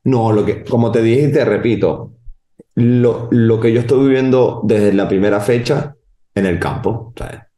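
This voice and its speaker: A man's voice: medium pitch, a little slow, reverberant. A man, a footballer, telling stories in a casual podcast interview and acting out other people in quotes. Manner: animated storyteller, voices others in quotes. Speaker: footballer guest.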